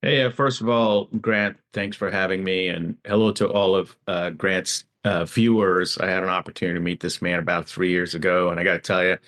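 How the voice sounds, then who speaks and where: A middle-aged man from Guyana, a tech futurist guest in an interview, talking in a relaxed way with many fillers. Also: low-pitched, brisk, hardly any pauses. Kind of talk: conversational interview.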